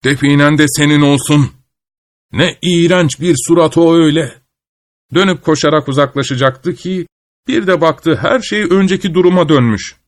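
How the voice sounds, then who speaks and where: A man narrating a folk tale aloud in a steady storytelling manner. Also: fairly high pitch, moderate pace, no echo, studio quality.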